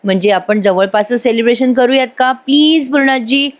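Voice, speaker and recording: A woman's voice: fairly high pitch, steady tone, normal speed, voice pushed up, close to an everyday voice. A woman voicing a cheerful young woman, bubbly and eager with ideas.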